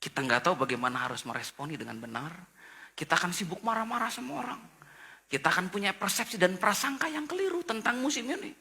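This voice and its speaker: A male pastor giving a sermon at an online church service, telling stories in an animated way and acting out characters with sudden high exclamations. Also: quick pace, vocal fry. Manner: mixes in English phrases.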